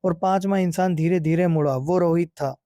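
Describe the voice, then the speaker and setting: A man narrating a scripted horror story in a steady, suspenseful way. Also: on the high side, normal speed, no echo, clean studio sound.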